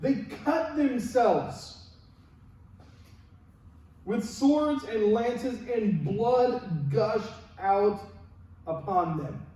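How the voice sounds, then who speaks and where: A man preaching a sermon as a pastor, in an energetic, conversational way with rhetorical questions. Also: high voice, very slow, pauses often. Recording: very echoey hall, distant mic.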